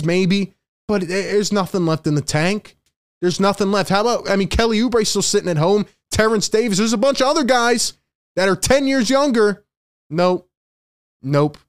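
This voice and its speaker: A man's voice: a little high, smooth, no echo, clean studio sound. Exasperated man ranting about sports. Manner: exasperated, emphatic ranting with rhetorical questions. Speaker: sports commentary YouTuber. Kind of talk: solo sports opinion vlog.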